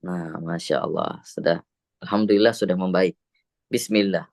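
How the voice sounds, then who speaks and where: An Indonesian man teaching Quran recitation on a video call, slow and patient, drawing out sounds to model them. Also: sits low, steady tone, gravelly, darkish tone, no echo, studio quality. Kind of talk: patient one-on-one recitation lesson.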